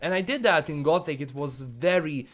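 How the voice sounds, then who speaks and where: A man's voice: fairly high pitch, moderate pace, a bit bright. A man from Bosnia, hesitantly reviewing a game and answering viewer comments, full of fillers and repeated words. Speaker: gaming YouTuber.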